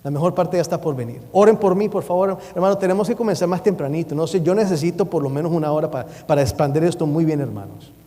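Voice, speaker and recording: A man's voice: a little high, quick pace, few pauses, warm tone. A man preaching a sermon in a church, urgent and emphatic, reading scripture aloud. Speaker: preacher and Bible teacher. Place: church sanctuary. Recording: long reverb of a church hall.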